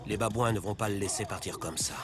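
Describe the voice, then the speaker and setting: A man narrating a nature documentary from a script, in a measured, dramatic storytelling manner. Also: fairly low pitch. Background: loud background music.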